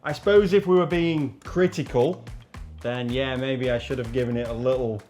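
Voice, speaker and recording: A man's voice: mid-range voice, normal speed, darkish tone, faint music behind. A British man co-hosting a casual cooking video at home, playful and mock-dramatic. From Britain. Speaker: co-host. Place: home kitchen.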